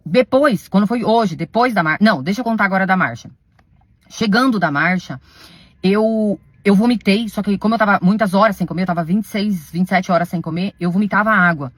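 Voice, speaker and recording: A woman giving an emotional religious testimony to her followers, defensive and pleading, her voice swinging between hushed and raised. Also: medium pitch, brisk, no room sound. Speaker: self-described servant of God recounting a spiritual experience.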